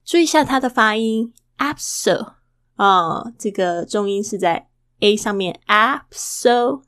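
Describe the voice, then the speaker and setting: A woman hosting a casual podcast lesson, chatty and full of rhetorical questions, who slowly models English words and repeats them. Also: medium pitch, lively intonation, a bit bright, no echo, studio quality. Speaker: English teacher and podcast host.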